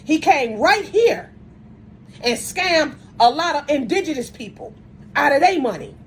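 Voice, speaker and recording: A woman commentator rants angrily to camera, blunt and confrontational, frequently tripping over her words and starting sentences over; she claims to have a strong voice. Her voice is high and animated, a little slow, with a faint hiss or hum in the audio.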